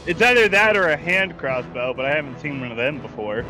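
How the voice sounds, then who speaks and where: A man's voice: on the high side, very animated, a little fast, over music, low-quality recording. A man chatting casually as a player in a tabletop role-playing game, grumbling and swearing mildly. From California.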